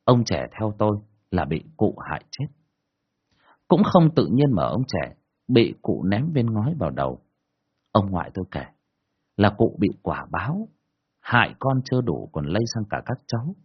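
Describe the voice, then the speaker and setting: A man telling a first-person ghost story in a colloquial, earthy, expressive way, in a dull lo-fi recording. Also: lowish voice, moderate pace, long pauses, slightly rough.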